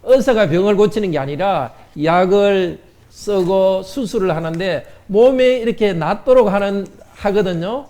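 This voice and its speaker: 아이들에게 묻고 답하는 남자 목사. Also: male voice, high-pitched, unhurried, dark tone. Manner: asks children questions and answers them. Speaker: pastor. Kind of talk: children's sermon. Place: church sanctuary.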